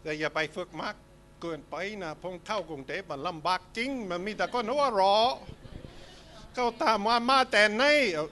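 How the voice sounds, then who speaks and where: An older man teaching English at a presentation, explaining slowly and switching between English and Thai. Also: sits high, lively intonation, a bit bright, slight background noise. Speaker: English teacher giving a talk. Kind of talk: live presentation demonstrating audio.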